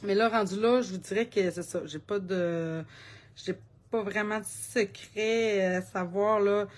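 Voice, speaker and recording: A woman's voice: medium pitch, fairly even intonation, measured pace. A woman with a Québécois accent hosting a live card-making demo, chatting in a rambling, talkative way and laughing often. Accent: Québécois French.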